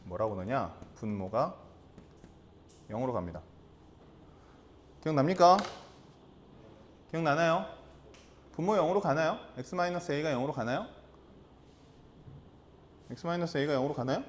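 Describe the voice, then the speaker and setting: A man with a somewhat high-pitched voice teaches a high school math class. He repeats the key terms and keeps asking the students questions to check they follow. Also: expressive, a little slow, pauses often, a little hiss or hum. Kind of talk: classroom lecture.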